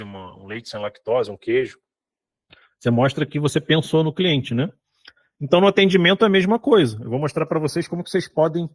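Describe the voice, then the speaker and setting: A man giving a conversational lecture at a hospitality conference, often adding tag questions. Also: fairly high pitch.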